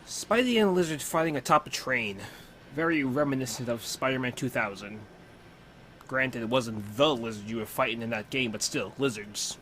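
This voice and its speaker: A man's voice: medium pitch, normal speed, fairly bright tone, a little hiss or hum. A young man hosting a watch-along, giving casual reaction commentary full of playful, joking asides.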